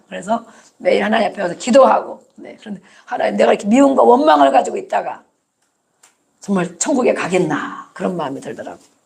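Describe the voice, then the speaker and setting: A woman's voice: on the high side, creaky, darkish tone. A woman pastor preaching a sermon with emphasis, repeating key words and acting out short quotes.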